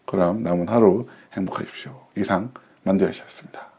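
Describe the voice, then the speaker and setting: A man's voice: deep voice, steady tone, a little fast, warm tone. A man casually reviewing budget laptops, chatty, often correcting himself mid-sentence and explaining with simple analogies. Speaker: tech reviewer.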